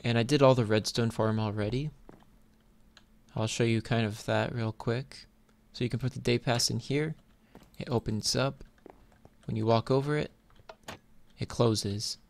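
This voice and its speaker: The host of a gaming video series casually commentates on his own gameplay, thinking aloud informally. His voice is medium-pitched and steady at a measured pace, and keyboard typing and clicking are clearly audible in the background.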